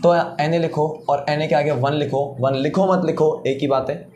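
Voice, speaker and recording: A man with a slightly high voice teaching chemistry. He walks through every step, asks questions and answers them himself, and repeats the key rules. A faint hiss sits behind him. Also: fairly even intonation, moderate pace, a little mellow. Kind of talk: classroom-style lecture.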